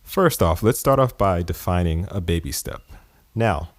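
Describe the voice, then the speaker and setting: This East Coast American man sits low in pitch and sounds expressive, speaking at a measured pace. He hosts his podcast in a loose, conversational monologue full of fillers and chuckles. The studio recording is clean, with no echo.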